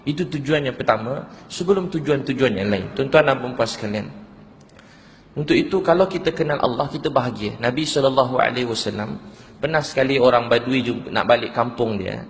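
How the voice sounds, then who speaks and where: A man's voice: mid-range voice, brisk, long reverb tail. A man with a Malaysian Malay accent preaching a sermon, telling stories and asking the audience questions. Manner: storytelling, asks the audience questions.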